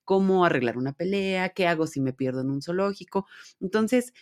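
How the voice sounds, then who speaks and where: Chatty Mexican podcaster in their thirties. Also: mid-range voice. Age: 30s. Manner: chatty, animated, full of fillers and slang. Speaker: podcast host. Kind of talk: casual anime review chat.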